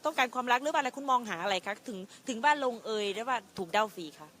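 A woman's voice: a little high, expressive, fast talker, fairly bright tone. A woman hosting a live-stream phone-in chat, blunt and teasing. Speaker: host.

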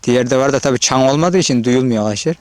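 Speaking fast in a medium-pitched voice with no room sound, a male Turkish shepherd narrates a relaxed outdoor vlog on a hillside pasture. He addresses his viewers directly, shouts to his animals, and records on a handheld or body-worn camera.

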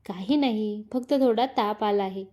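A woman voicing an ailing older father who talks softly and wearily. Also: mid-range voice, moderate pace, close to an everyday voice. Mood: weary.

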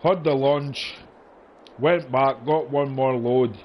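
Speaking slowly in a mid-range voice, a broad-accented Scotsman rambles through colloquial stories while playing a farming game. The casual chat comes through a noisy, dull lo-fi voice connection.

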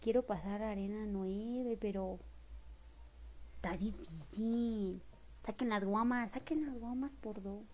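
A woman's voice: medium pitch, normal speed, few pauses. A young woman with a Mexican accent doing casual live gameplay commentary, thanking viewers and breaking into shrieks and laughter. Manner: excitable, bursts into shrieks and laughter, greets viewers warmly. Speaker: live-streamer.

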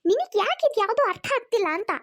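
A woman's voice: extremely high pitch, very animated. A woman doing a scolding cartoon mother-in-law. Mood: reproachful. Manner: slower, reproachful.

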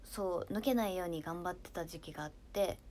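A young woman with a Kansai accent, chatting casually on her livestream and reading viewer comments, often softening into near-whispers. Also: on the low side, a little fast. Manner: soft-spoken, drifts into near-whispers, laughs often.

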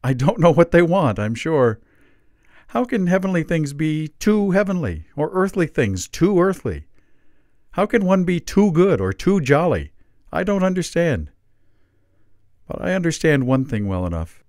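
Feeble dying old Father Christmas, bewildered and apologetic, a man doing the voice, high and swooping, dry sound. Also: very animated, measured pace, darkish tone, no echo. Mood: plaintive. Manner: weak, plaintive, bewildered.

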